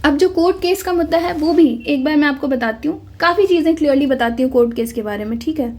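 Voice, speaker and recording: A woman's voice: sits high, fast. A woman giving a casual, insistent exam-update talk to viewers, often calling them "bhai" and checking in with "theek hai".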